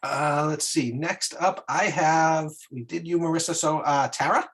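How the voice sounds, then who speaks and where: A man with a slightly high voice chairs an online meeting. He gives informal, polite instructions, often halting between phrases. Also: fairly bright tone. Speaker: meeting moderator.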